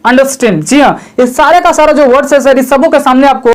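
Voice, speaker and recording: A man's voice: very high voice, a little fast. A man giving a spoken grammar lesson, asking himself questions and answering them, repeating each point and addressing the viewer as "sir" in a chatty tone. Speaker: English grammar teacher.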